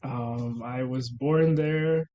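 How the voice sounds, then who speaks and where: A young man from Rwanda talks casually as a guest in an interview. He pauses often with ums and uhs and laughs lightly between thoughts, at an ordinary middle pitch. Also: steady tone, dull audio. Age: young adult.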